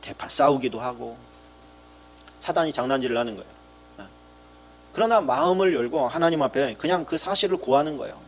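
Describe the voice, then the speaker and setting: A man's voice: medium pitch, brisk, pauses often, a little hiss or hum. A male pastor preaching a sermon, asking the congregation questions and acting out short bits of dialogue. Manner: lively preaching, rising to loud emphatic peaks and dropping to quiet asides; acts out dialogue in character voices.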